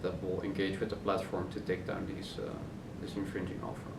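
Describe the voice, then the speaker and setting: A man, a company co-founder, explaining his business in a relaxed interview with many fillers. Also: sits low, fairly quick, creaky. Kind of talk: casual interview answers. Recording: roomy office, distant mic, noisy hum.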